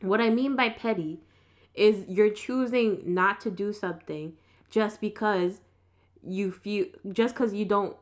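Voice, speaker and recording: A woman chatting casually and arguing her point in an insistent, colloquial, animated way. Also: medium pitch, a little slow. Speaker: vlog host. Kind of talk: casual argumentative chat.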